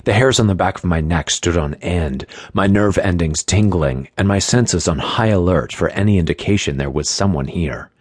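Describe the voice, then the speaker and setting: A man reads a tense first-person thriller, his deep voice slightly husky. He keeps a steady pace, and the recording is close and dry with no room sound. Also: moderate pace, hardly any pauses, no echo. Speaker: audiobook narrator. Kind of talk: first-person scripted narration.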